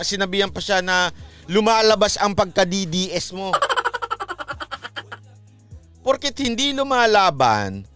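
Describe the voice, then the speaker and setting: A man's voice: high voice, a bit bright, dry recording. A man from the Philippines hosting a vlog, rambling through casual political commentary with sing-song, mocking asides. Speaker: vlog host.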